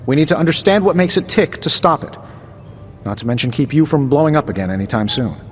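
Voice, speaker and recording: A man's voice: fairly high pitch, lively intonation, fast talker, dull audio, soft background music, natural voice. A man playing a cocky, sarcastic armored superhero inventor in a video game, full of wisecracks. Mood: confident, wry. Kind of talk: video game character dialogue.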